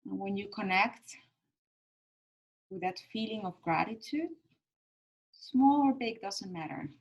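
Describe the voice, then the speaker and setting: A woman leading a calm grounding meditation as a guide, speaking gently and soothingly in short phrases with pauses between them. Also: medium pitch, lo-fi sound.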